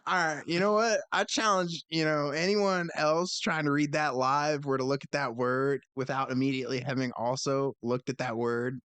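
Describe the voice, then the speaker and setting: A man's voice: medium pitch, steady tone, normal speed, hardly any pauses, fairly bright tone, clear, resonant tone, dry recording. A man co-hosting a podcast in casual chat, self-mocking and skeptical, laughing along with his partner. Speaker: podcast co-host.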